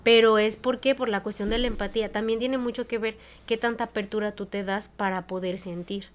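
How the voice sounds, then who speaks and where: A woman's voice: medium pitch, steady tone, brisk. A woman with a Mexican accent, a psychologist co-hosting a casual podcast chat, talking frankly and expressively and swearing freely. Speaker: psychologist co-host.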